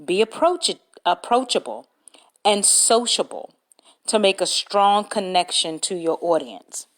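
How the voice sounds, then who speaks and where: A woman hosts a solo podcast at an unhurried, measured pace. Her voice sits at an ordinary middle pitch, and she works through her tips step by step, spelling out names letter by letter. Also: expressive. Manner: slow, deliberate, reads points aloud and spells words out. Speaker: podcast host. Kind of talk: solo podcast talk giving business tips.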